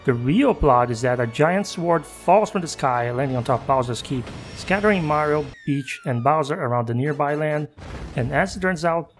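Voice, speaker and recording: A man's voice: on the high side, lively intonation, moderate pace, faint music behind. A man narrating a scripted game review with wry, self-mocking asides.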